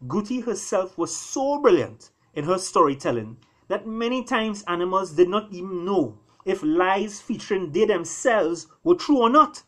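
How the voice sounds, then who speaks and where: An author reads his own animal fable aloud, narrating expressively with deliberate, dramatic phrasing and pauses. His voice sits high, with a sing-song lilt and a fairly bright tone.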